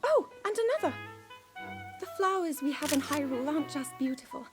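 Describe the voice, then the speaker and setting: A woman's voice: high-pitched, big pitch swings, a little fast. A woman playing an earnest, scholarly young princess in a video game cutscene, speaking formally and expressively. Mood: gentle, thoughtful. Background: orchestral music.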